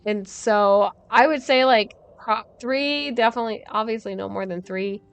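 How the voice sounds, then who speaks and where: A woman's voice: a little high, moderate pace, smooth, soft background music. A woman streaming a game, chatting casually and thinking aloud while she plays, with frequent laughs. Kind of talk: casual gameplay commentary.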